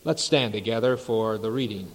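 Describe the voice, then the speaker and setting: A male pastor preaching and praying in a church sanctuary, measured and unhurried, with reverent pauses. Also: lowish voice, a little hiss or hum. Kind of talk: sermon. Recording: long reverb of a large sanctuary.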